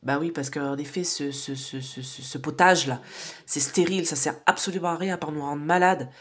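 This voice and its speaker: A woman reads oracle cards casually for viewers, her nasal voice low, fairly even, and a little fast, with a slight hiss or hum behind it. This psychic rambles through fillers, tag questions, and asides, sinking into a whisper when drawing cards.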